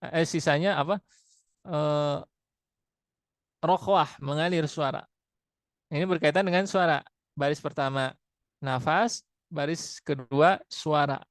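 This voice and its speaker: A man teaching Quran recitation rules, slowly repeating and sounding out Arabic letters for his students. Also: fairly high pitch, dry recording, studio quality. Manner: slow, repetitive, demonstrates letter sounds aloud. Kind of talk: classroom tajwid lesson.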